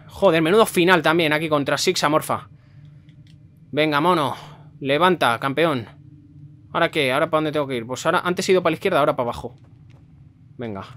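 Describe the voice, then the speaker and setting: High-voiced Spanish gamer, swearing excitedly. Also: male voice. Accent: Spanish from Spain. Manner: swearing, chanting urgent repeated commands, loud outbursts. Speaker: gaming streamer. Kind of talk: live gameplay commentary. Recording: loud game music behind.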